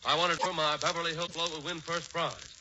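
A man's voice: a little high, little pitch movement, fairly quick, pushed and bright. An actor playing a pompous, pampered rich man in an old radio comedy, with an affected, melodramatic delivery. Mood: whiny, theatrical. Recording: dull, very noisy vintage radio recording.

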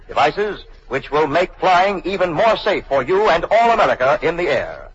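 A man's voice: fairly high pitch, big pitch swings, normal speed, breathy edge. Man narrating an old radio drama. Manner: dramatic announcer delivery. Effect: old radio broadcast sound. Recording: dull lo-fi vintage radio recording with loud music.

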